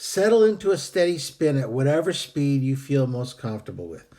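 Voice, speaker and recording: Hosting a video, a man with a medium-pitched voice calmly reads out and explains a meditation technique. He is measured but uses hesitant fillers, and a cold is costing him his voice.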